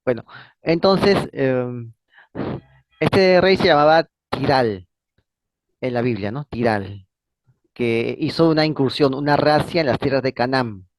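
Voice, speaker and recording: A man's voice: medium pitch, expressive, a little slow, pauses often, no room sound. A man hosting his own channel, giving a casual history lecture. He rambles, repeats words, and keeps adding a questioning "no?" at the end of his phrases. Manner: frequent fillers and restarts. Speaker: channel host.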